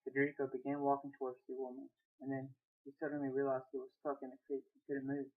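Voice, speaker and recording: On a tinny, phone-like recording, a young man plainly reads a short story he wrote, stumbling into small restarts. His medium-pitched voice stays monotone while he keeps a quick pace.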